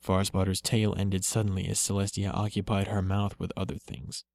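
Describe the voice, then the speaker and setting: Deep gravelly male story reader. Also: monotone, normal speed, a little mellow. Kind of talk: scripted story reading.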